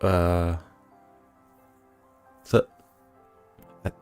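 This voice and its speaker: A man's voice: deep voice, fairly even intonation, extremely slow, darkish tone, smooth, soft background music. A British man in his thirties chatting informally and rambling as he hosts a casual live stream, reading out comments and answering them. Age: 30s. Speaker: livestream host, exterior cleaning tradesman. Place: small home bedroom doubling as an office.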